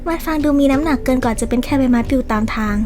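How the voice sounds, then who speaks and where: A young woman playing a choice game, reading its narration and chatting to her viewers in a lively way over background music. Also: high-pitched, very fast. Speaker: game streamer. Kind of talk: let's-play commentary and reading narration.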